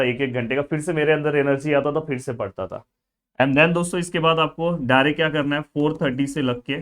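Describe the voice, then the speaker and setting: A man, coaching students through an exam study plan in an energetic, friendly way. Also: on the high side. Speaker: tutor.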